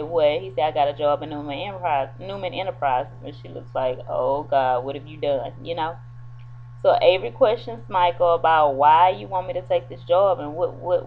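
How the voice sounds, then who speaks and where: A woman's voice: on the low side, lo-fi sound, slight background noise. A sleepy woman at home casually recapping a soap opera episode, retelling scenes with quoted dialogue and lots of fillers. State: sleepy, yawning.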